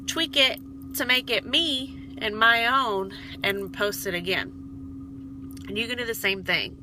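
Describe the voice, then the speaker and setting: A woman's voice: on the high side, noisy background. A woman giving casual coaching tips to her sales team in a vlog. She is chatty and encouraging, and keeps checking in with "okay?". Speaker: direct sales team leader.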